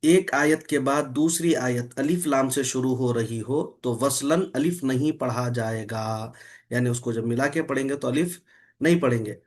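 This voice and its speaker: Male Quran teacher, online class, patient and methodical, asks and repeats questions. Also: mid-range voice. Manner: patient, explains rules step by step and quizzes the student. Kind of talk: online Quran recitation lesson.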